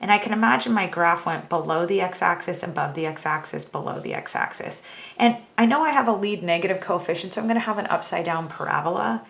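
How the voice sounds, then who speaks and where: A woman's voice: lowish voice, fairly quick, creaky, a bit bright. A woman teaching a math lesson, talking through each step on a calculator in a chatty, self-teasing way.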